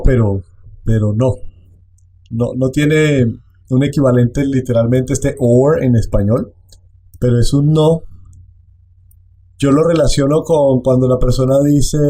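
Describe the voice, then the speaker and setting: A man teaching a language online, explaining slowly and repeating phrases. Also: mid-range voice, warm tone.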